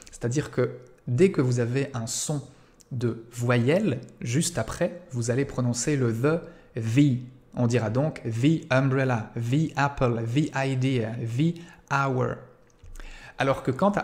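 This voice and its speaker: A man's voice: medium pitch, a little mellow. A young French-speaking man giving a recorded English grammar lesson, explaining step by step with rhetorical questions and frequent "eh bien" fillers.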